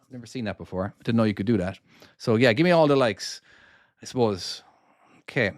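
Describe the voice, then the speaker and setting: This is live gameplay commentary from a man from Cork, Ireland, who has an Irish accent and casually talks himself through each maneuver of his trucking game while answering questions from viewers in chat. His voice sits fairly low and is expressive, and his delivery is brisk. The sound is dry and studio-clean.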